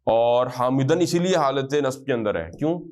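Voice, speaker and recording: A man teaching Arabic grammar in class. He explains at length, speaks Arabic phrases slowly, and often checks whether the class follows. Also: mid-range voice, expressive, darkish tone. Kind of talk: classroom lesson.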